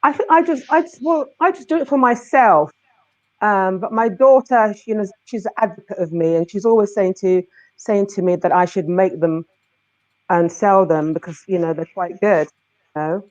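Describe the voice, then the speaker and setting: A woman's voice: mid-range voice, normal speed, darkish tone, muffled recording. A woman chatting casually as a co-host, explaining things in a hesitant way. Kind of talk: casual chat.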